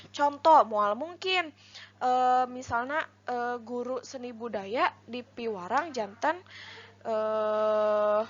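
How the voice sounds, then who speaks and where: A woman's voice: on the high side, fairly bright tone, lo-fi sound. A woman teacher explaining a lesson step by step, asking questions and answering them herself.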